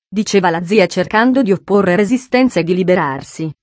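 A woman narrating an audiobook in a measured, expressive storytelling voice. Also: on the low side, no room sound.

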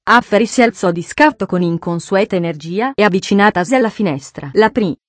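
A woman's voice: mid-range voice, animated, a little fast, no room sound. A woman narrating an audiobook of a classic novel, reading the dialogue aloud in the characters' voices.

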